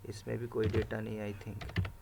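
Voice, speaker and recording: A man with a gravelly, creaky voice teaches a live class at his computer, walking through each step and checking in with "right?" as he goes. Steady keyboard clicks and clear background noise run under his voice in this home recording. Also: on the low side, a little slow. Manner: explains step by step, tags lines with "right?" and "okay". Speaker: instructor. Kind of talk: live screen-share coding class.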